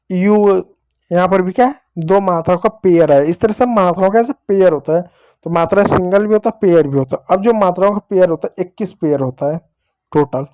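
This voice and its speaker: A man's voice: sits high, mellow. A man teaching English phonics to children, asking and answering his own questions as he goes. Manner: repetitive question-and-answer explaining, addresses pupils as dear children. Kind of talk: classroom-style phonics lesson.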